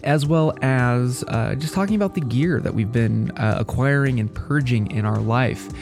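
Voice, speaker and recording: A man's voice: medium pitch, normal speed, a little mellow, soft background music. A man with a nasal voice stuffed up by a head cold, chatting casually and playfully to listeners as a podcast host. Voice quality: nasal, congested voice.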